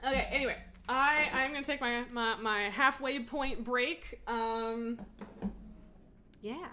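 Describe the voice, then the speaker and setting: There's a little hiss or hum as a woman streams a video game, speaking slowly in a slightly high, bright, forceful voice. As the host she chats informally, thinks aloud, hops between ideas and jokes about herself.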